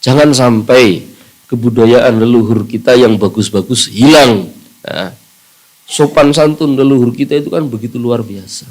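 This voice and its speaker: A man's voice: medium pitch, moderate pace, a little mellow. A man giving a Quran commentary lesson, with many "ya" and "nah" fillers and rising emphatic questions. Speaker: Quran teacher at a boarding school.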